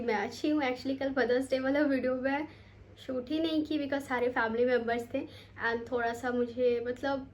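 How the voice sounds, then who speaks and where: Chatty young woman vlogging, high voice. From India. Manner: chatty, rambling, mixes English words into Hindi. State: tired, sore feet. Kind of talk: casual vlog chat to camera. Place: home, bedroom.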